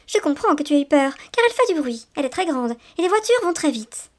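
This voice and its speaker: A woman voicing a gentle, soothing mother hedgehog in a storybook reading, soft and reassuring. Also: sits high, very animated, fast talker.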